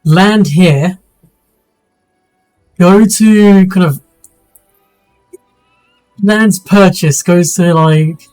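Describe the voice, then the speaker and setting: Slow-talking man on a clipping, distorted mic. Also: high-pitched, faint music behind. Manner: halting, full of restarts and fillers. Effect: clipping, distorted loud mic. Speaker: game master. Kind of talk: narrating a tabletop game.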